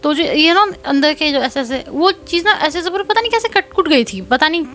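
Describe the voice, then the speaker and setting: A young woman tells a personal story in a chatty, animated way, slipping English words in between and laughing along. Her voice sits on the higher side. Faint music plays underneath. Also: fairly quick. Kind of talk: casual storytime narration.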